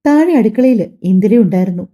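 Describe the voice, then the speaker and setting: A woman reading a family drama audiobook aloud, telling the story softly and voicing every character herself. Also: medium pitch, animated, quick pace. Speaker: audiobook narrator.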